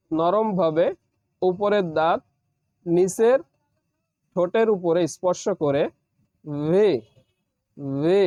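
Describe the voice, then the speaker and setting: Male tutor, high voice, patient drill-style delivery, encouraging, muffled dry recording. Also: mellow, no room sound. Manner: repeats letters slowly and drills them; encouraging, urges repeated practice. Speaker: English teacher. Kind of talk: pronunciation lesson.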